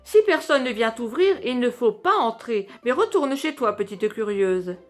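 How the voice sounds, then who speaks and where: A woman voicing a cross mother bear in a storybook reading, sharp and irritated. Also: a little high, expressive, normal speed, soft background music, close to an everyday voice.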